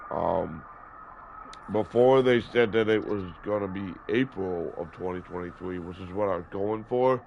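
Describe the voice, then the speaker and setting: In a gaming video, a man in his early thirties gives casual gameplay commentary while stuffy and sore-throated from a cold, rambling with lots of fillers and self-corrections. His low voice is unhurried and has vocal fry. The lo-fi audio sounds dull, with background noise.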